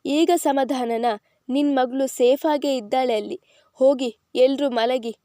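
A woman voicing a calm husband who reassures his wife about their daughter. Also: high voice, unhurried, dry recording, studio quality. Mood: dismissive.

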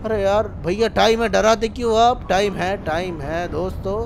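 A young man commentating gameplay excitedly, full of loud exclamations. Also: high voice, normal speed, creaky, soft background music. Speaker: gaming channel host.

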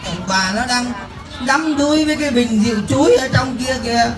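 A woman's voice: on the high side, animated, fairly quick, echoey room, music in the background, crowd noise, lightly acted, poor audio. A woman playing a teasing male neighbor who mocks the wife's drinking husband in a live comedy skit. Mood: mocking. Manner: dry, teasing, mocking.

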